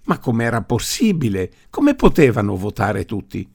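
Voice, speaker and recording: A man's voice: big pitch swings, normal speed, gravelly, darkish tone, breathy edge, no room sound, studio quality, full character voice. A man voicing a curious, eager little girl in an audiobook reading, asking insistent questions. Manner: eager, questioning, raised pitch. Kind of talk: audiobook character voice.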